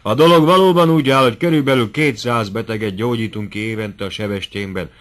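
A man voicing a blunt, heated middle-aged doctor who lectures loudly and forcefully in an audiobook. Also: mid-range voice, close to an everyday voice. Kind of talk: audiobook character voice.

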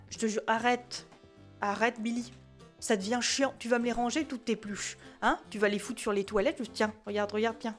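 This is an exasperated mother in a comic game role-play, voiced by a woman. She scolds and nags her unruly little son with a slightly high voice, punctuating orders with tag questions and mild curses. Faint music plays behind her. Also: natural voice. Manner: scolding, peppered with "hein" and mild swearing. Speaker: gaming video creator.

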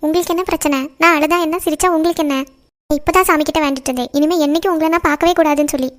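A woman voicing a heartbroken, proud young woman in a cartoon, speaking quickly and sharply. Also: high voice, steady tone, natural voice. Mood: angry. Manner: quick, sharp delivery that turns tearful and defiant. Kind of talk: cartoon voice acting.

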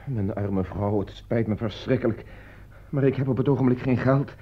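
An actor playing a worried middle-aged doctor and father in an old radio play, speaking in a grave, measured way. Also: medium pitch, slightly rough, lightly acted. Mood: anxious. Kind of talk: 1950s-style radio drama acting. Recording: dull old radio recording.

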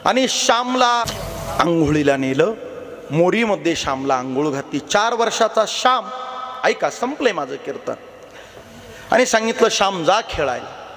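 A man's voice: high voice, sing-song, measured pace, long pauses, fairly bright tone. A man kirtan preacher telling a devotional story and urging the audience to listen. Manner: emphatic, repeatedly calls the audience to listen. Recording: long hall reverb.

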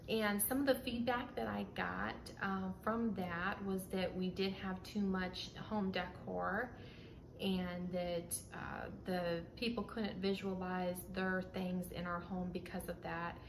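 She's a home decor vlogger whose fairly low voice carries vocal fry as she talks casually to a close, chest-height camera inside her home. The chat wanders, peppered with fillers, restarts and "y'all," over some background noise.

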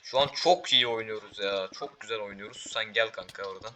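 A teenage boy giving excitable live commentary while playing a game, calling out to teammates and viewers. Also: on the low side, a little fast, a little hiss or hum. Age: teens. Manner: excitable, talks to teammates and viewers, frequent exclamations. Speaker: gaming YouTuber.

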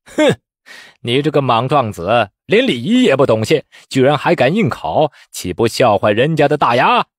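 A man voicing a greedy, cowardly male exam official who mocks candidates with a shrill, sneering voice. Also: very animated, normal speed, no echo, clean studio sound. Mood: scornful. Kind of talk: storytelling voice acting.

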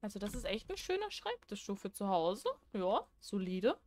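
A woman's voice: mid-range voice, sing-song, moderate pace, darkish tone. Chatty young woman joking through a game. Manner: chatty, jokey, talks back to the game. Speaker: let's play gamer. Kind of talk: casual game commentary.

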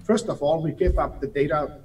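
Speaking through a video call webcam in an office, this German-accented guest, a native German man in his fifties, gives long explanations while gesturing and dropping in the odd hesitant filler. His voice is a little high, steady and a little mellow, and he talks fairly quickly. The recording quality is low.

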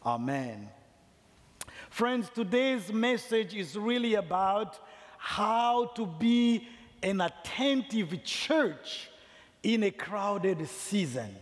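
A man's voice: high voice, very animated, extremely slow. A middle-aged man from Zambia preaching a sermon in a large church sanctuary, speaking through a headset mic. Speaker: district superintendent preaching. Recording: long reverb of a large church hall.

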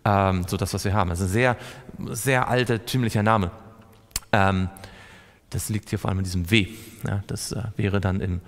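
A man's voice: fairly low pitch, fairly even intonation, moderate pace. A man teaching a Bible study to a group, asking them questions and answering himself. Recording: long reverb in a hall.

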